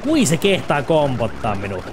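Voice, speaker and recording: A young man giving gameplay commentary, excitable, shouting and swearing and mixing in English phrases. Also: mid-range voice, noisy background. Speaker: let's play gamer. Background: game music.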